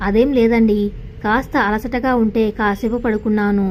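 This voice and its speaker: A woman voicing a lonely, meek wife in her late thirties who speaks quietly and apologetically in an audio story. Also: fairly high pitch, fairly even intonation, normal speed, slight background noise, natural voice. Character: lonely remorseful wife of 38, tearful.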